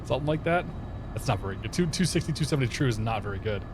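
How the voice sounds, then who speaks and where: A man chats into his headset on a livestream, rambling easily as he flies and welcoming viewers by name. His voice sits at an ordinary middle pitch. A faint hiss runs underneath. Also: lively intonation, racing. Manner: rambling and chatty, greets chat viewers by name. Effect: livestream headset audio. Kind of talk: casual commentary while flying a flight simulator.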